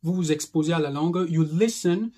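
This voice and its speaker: Husky high-voiced man teaching. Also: fairly quick, mellow. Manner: explanatory, frequent "n'est-ce pas" and "hein"; mixes English terms into French. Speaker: English teacher. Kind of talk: video lesson explanation.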